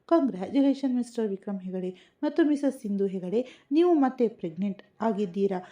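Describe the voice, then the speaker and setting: A woman voicing a kind hospital doctor who jokes gently, speaking calmly and reassuringly. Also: medium pitch, moderate pace, dull audio, natural voice. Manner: calm, reassuring.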